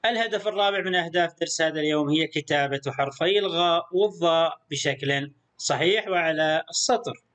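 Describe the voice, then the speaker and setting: Man, primary school teacher, recorded lesson, high voice, patient, slow repetition, frequent praise. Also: fairly bright tone. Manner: patient, repeats words slowly and praises pupils often.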